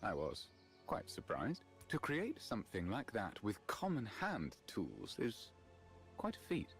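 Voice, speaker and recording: A man acting a haughty, scandalized aristocratic ice artist in a video game, fastidious and pompous in his theatrical delivery. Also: lowish voice, wildly swooping pitch, soft background music, full character voice. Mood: haughty disdain.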